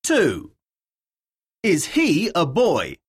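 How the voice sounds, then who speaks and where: A woman with a husky, lowish voice narrates a scripted English lesson, reading words, questions and dictation slowly and clearly with pauses. Her pitch swings widely.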